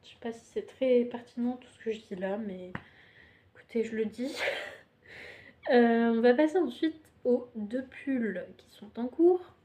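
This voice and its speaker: Young woman, unhurried, soft mellow tone, hesitant casual knitting chat. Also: on the high side. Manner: hesitant, lots of "euh", chatty and self-mocking. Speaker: knitting podcaster.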